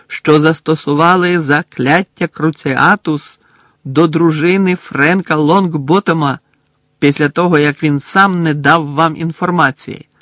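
A man voicing a stern older male judge who speaks loudly and formally. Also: on the high side, fairly even intonation, unhurried, no echo, pitched above the performer's own voice. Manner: loud, shouting, clipped formal speech.

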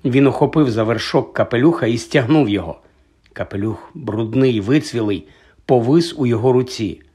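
A man narrating a fantasy audiobook in a measured, even storytelling manner. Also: mid-range voice, husky. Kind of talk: scripted narration.

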